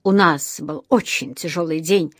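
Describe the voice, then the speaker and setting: A woman doing a grumpy male judge, curt and sharp, close dry sound. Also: medium pitch, expressive, normal speed, dry recording, lightly acted. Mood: stern.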